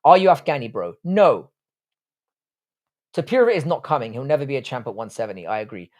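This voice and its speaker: A man's voice: medium pitch, very animated, a little fast, a little mellow. A man in his thirties with a London accent, hosting a live stream and answering viewer comments in a blunt, profane, joking way. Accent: London English. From Ireland, raised in southwest London. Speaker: livestream host.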